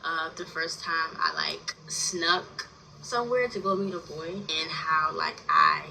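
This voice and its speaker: A twenty-year-old story time vlogger rambles through a personal story, chatty, full of fillers and casual swearing. Her voice is low, gravelly and bright, sing-song and forceful, and she takes it slowly. A distant mic picks her up over a noisy background.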